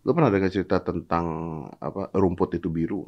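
A man's voice: deep voice, brisk, husky, highs cut off. A man, hosting a podcast, chatting bluntly and telling a story. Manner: animated, blunt, slangy. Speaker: podcast host. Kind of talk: casual chat and storytelling.

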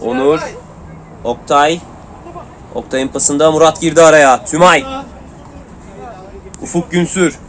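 High-voiced man calling local football. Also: a bit bright, a faint crowd, slight background noise. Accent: Turkish. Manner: rapid clipped calls of player names. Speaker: match commentator. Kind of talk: live play-by-play football commentary.

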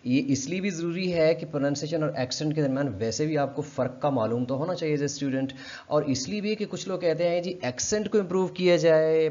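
A man's voice: on the high side, darkish tone. A man giving a formal, polite linguistics lesson, mixing English terms into his Urdu. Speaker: linguistics teacher. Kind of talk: explanatory video lesson. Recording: slightly dull, muffled sound.

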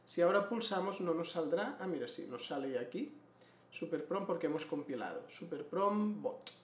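Guy in his 40s explaining stuff on screen, kinda high voice, echoey room. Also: animated, moderate pace. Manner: explanatory, frequent throat clearing. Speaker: trading educator. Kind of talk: screen-share tutorial. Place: small room indoors. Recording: roomy echo.

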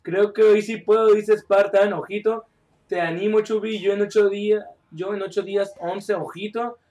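Young guy, high voice, game streamer, banters with chat and yells during play. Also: fairly even intonation, moderate pace. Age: young adult. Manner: chatty, joking, reads chat aloud and calls out mid-game. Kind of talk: live gameplay stream chat.

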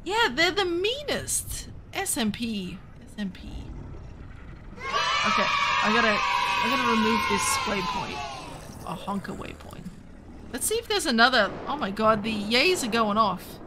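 A woman from Canada in her thirties, streaming a game and chatting casually with viewers, excitable and jumping between topics. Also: a little high, measured pace, heavy background noise. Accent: Western Canadian. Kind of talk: casual livestream chat with viewers.

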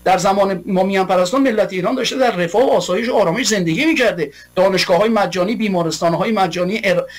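A man giving an impassioned political monologue, heated and rhetorical, building long repeated lists. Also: high-pitched. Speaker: political commentator.

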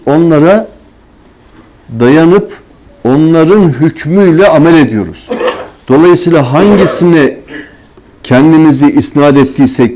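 A man's voice: a little high, mellow. A man giving a sermon-style religious talk who asks rhetorical questions and answers them himself, often in a scolding, mocking tone. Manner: scolding, mocking tone toward hypocrites. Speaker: religious teacher.

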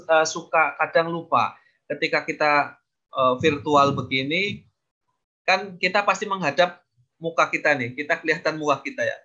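A man giving casual public speaking advice in a webinar, explaining with frequent fillers and pauses. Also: on the high side, sharp tone. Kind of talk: webinar coaching talk. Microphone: video call. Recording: dull lo-fi video call audio.

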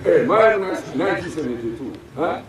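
A man's voice: fairly high pitch, lively intonation, fast talker. A man preaching an open-air sermon to a gathering, calling out for answers from the crowd, heard from a distance. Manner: call-and-response preaching. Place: outdoor church field. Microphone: far camera. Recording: echoey open-air sound from far off.

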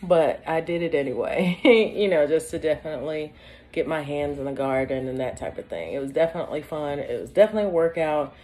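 A woman with a stuffy nose hosting a morning devotional, reading psalms aloud and often clearing her throat. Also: sits low, a little fast, darkish tone. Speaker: devotional host.

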